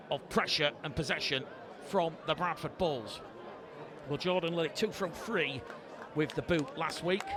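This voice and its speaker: A man giving live rugby league commentary, calling the play and rising to excited shouts when points are scored. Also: high-pitched. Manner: rises to excited shouting on scoring plays. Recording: loud crowd and stadium noise. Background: crowd noise.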